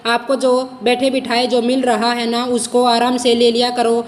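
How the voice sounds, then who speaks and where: A woman voicing a sharp-tongued young daughter-in-law in a storybook reading, with a scolding manner. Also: fairly high pitch, monotone, moderate pace, long reverb tail, slight background noise, close to an everyday voice.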